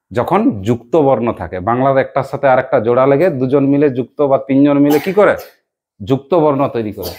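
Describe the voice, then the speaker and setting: A male teacher with a mid-range, somewhat dark voice leads a classroom lesson. He encourages his pupils, quizzing them by name and praising every answer.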